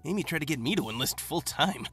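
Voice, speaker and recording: Bright, cocky Sonic the Hedgehog voiced by a man. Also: on the high side, animated, quick pace. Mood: breezy, confident. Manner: breezy, teasing, self-assured. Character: cocky, easygoing young male hedgehog hero. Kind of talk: amateur comic dub acting. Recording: music behind the voice.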